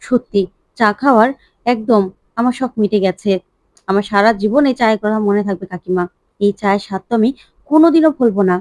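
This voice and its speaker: A woman voicing a cheerful, flattering young man in her own plain voice. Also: medium pitch, brisk, no room sound, lightly acted. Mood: friendly.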